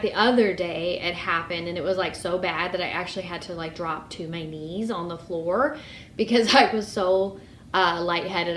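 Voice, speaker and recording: A young woman vlogger gives a casual update, chatty and full of ums and likes, with light laughs. Her voice is fairly low but fairly bright, and the recording is reverberant with a little hiss or hum.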